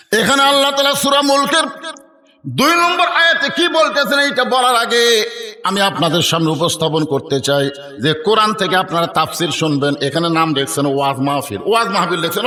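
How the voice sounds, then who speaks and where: A preacher from Bangladesh with a fairly high, pushed, and bright voice tells stories in a sermon at an open-air religious gathering, with a long reverb tail on the sound. He keeps calling on the crowd to answer aloud.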